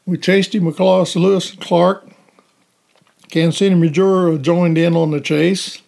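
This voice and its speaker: Brief: male officer, higher-pitched gravelly voice, matter-of-fact. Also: steady tone, a little slow, a little mellow. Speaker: police officer. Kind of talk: casual storytelling interview.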